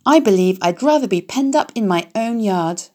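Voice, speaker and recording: A woman's voice: mid-range voice, lively intonation, moderate pace, mellow, lightly acted. A woman reading aloud and voicing a timid, frightened baby piglet with a small, plaintive voice.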